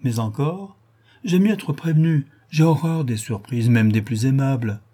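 A man voicing a vain, haughty young gentleman who talks with affected, disdainful politeness. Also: medium pitch, normal speed, slightly rough, close to an everyday voice. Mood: mock-polite.

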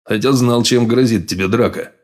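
A male audiobook reader voicing a calm, monstrous mutant sage with a low growling voice. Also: close to an everyday voice. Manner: calm, unhurried. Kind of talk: audiobook character voice.

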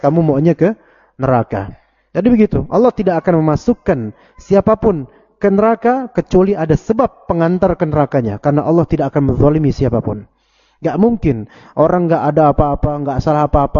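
A man's voice: on the high side, dark tone. A man teaching a religious study class in a conversational way, asking his listeners rhetorical questions and acting out quoted dialogue. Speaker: Islamic teacher. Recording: dull lo-fi lecture audio.

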